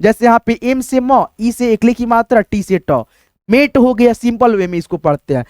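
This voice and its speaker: A man's voice: extremely high pitch, normal speed, a little mellow, no room sound, studio quality. A man, teaching English spelling and sounds to beginners, repeating himself and answering his own questions. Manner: repetitive, keeps saying "friends", asks and answers himself. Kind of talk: Hindi spelling lesson for beginners.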